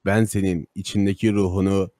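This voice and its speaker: A man co-playing in a Minecraft role-play, talking in a gruff, terse way. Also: deep voice, little pitch movement, a little fast, mellow. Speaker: co-player.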